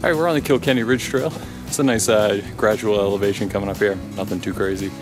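Music plays behind a man on the low side who speaks fast in a steady tone. In his thirties, he's narrating a casual trail vlog from a forest hike, musing aloud into a pole-mounted handheld action camera.

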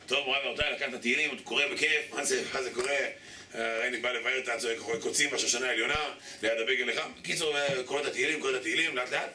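A man's voice: mid-range voice, fairly even intonation, bright, forceful tone, recorded from a distance. A man giving an emphatic sermon as a rabbi, telling stories and acting out their characters while he repeats appeals to his listeners. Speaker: rabbi giving a Torah lesson. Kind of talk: sermon with storytelling. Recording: echoey hall, speaker away from mic, faint hiss.

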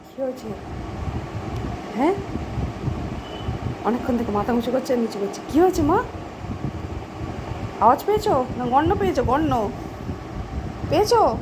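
A woman's voice: high-pitched, lively intonation, moderate pace, pauses often, noisy background. A woman chatting to her pet dog at home, scolding and coaxing it in a sing-song voice. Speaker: pet vlogger. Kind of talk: casual chat with her dog. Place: home, in a bedroom.

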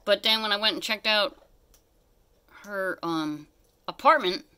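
A woman's voice: medium pitch, unhurried, bright, forceful tone, clean tone. A middle-aged woman giving a casual, chatty live home tour in a small room, often getting sidetracked as she narrates behind a handheld phone. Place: small furnished living room, indoors. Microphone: handheld phone held by the person filming.

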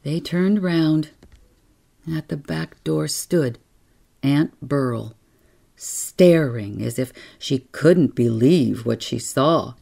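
Hushed, husky-voiced woman reading bedtime stories. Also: low-pitched, takes it slowly. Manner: hushed, half-whispered delivery. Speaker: bedtime story narrator. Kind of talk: soft, slow sleep-story reading.

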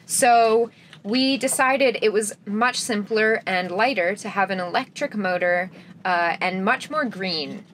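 A young woman talking about sailing as an interview guest, lively and laughing often, in a small wood-paneled boat cabin. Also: mid-range voice, measured pace, a little hiss or hum. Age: young adult. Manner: lively, laughs often, talks with her hands. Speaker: sailor guest. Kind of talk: casual interview.

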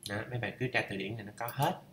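A man's voice: fairly low pitch, rapid-fire, fairly bright tone, reverberant, a little hiss or hum. A man teaching English, reading a lesson aloud and patiently repeating each pronunciation. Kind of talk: bilingual lesson read-through.

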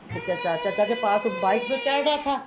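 A woman's voice: medium pitch, expressive, moderate pace. Woman vlogging at home over background noise. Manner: coaxing and soothing a crying child. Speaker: family vlogger. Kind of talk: casual home vlog narration. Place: family home indoors. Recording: noisy home phone recording.

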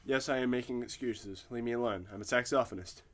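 A man, nasal and gruff from a cold, chatting in an offhand, self-mocking way as he introduces his song. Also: medium pitch, brisk, a bit bright. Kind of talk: casual chat. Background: guitar.

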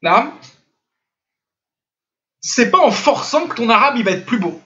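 A man's voice: extremely high pitch, very animated, unhurried, fairly bright tone. A French-speaking man giving an online religious lesson, insistently correcting pronunciation by demonstrating the sounds himself. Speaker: Islamic teacher. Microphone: computer mic in online voice chat room. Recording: lo-fi online voice chat audio.

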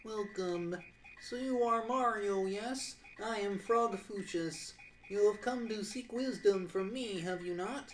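A woman voicing a patient old male frog sage from a video game, speaking as a wise mentor in measured, formal phrases. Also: mid-range voice, slight background noise, lightly acted, low-quality recording. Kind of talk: dramatised video game dialogue reading. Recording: music behind the voice. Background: plucked-string game music.

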